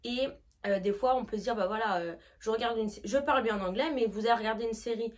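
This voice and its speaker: A woman's voice: a little high, quick pace. A young woman from France, an English teacher, explaining to camera and often checking in with her viewers. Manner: lively, checks in often with "d'accord?".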